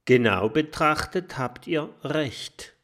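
A man's voice: a little high, animated, slow pace, fairly bright tone, pitched above the performer's own voice. A man voicing a timid, nervous male professor who often whispers secretively. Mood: relieved.

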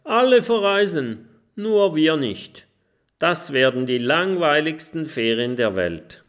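A man's voice: on the high side, sing-song, slow, voice pushed up. A man doing an eager little boy dragon. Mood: sulky.

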